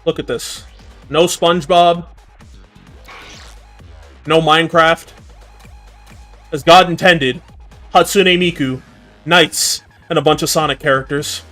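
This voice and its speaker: A man with a New York accent chatting casually while streaming a racing game, swearing, laughing and reacting loudly. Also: on the high side, fairly even intonation, slow pace, pauses often, soft background music. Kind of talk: casual chat while gaming.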